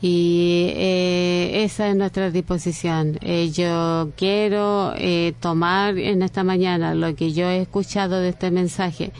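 Slow, earnest woman preaching. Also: fairly low pitch, fairly even intonation, darkish tone, clean tone. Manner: slow, earnest, with frequent restarts and pauses. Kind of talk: sermon.

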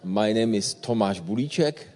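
A man's voice: on the low side, expressive, normal speed, a little mellow, slight background noise. A male guest pastor from the Republic, greeting a congregation courteously and with gratitude in simple English. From Czech Republic. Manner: courteous, grateful, simple phrasing. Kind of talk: sermon.

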